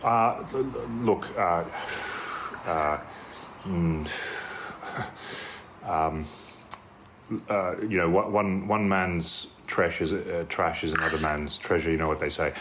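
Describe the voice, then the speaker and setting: A man's voice: low-pitched, takes it slowly, long pauses, noisy background. A man playing a rambling male therapist who stammers through false starts and hedges constantly. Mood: flustered. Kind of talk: improvised comedy dialogue.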